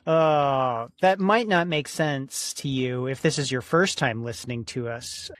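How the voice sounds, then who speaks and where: A man's voice: mid-range voice, measured pace, a bit bright, no room sound, clean studio sound. A man co-hosting a casual gaming podcast, easygoing and laid-back. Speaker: podcast co-host.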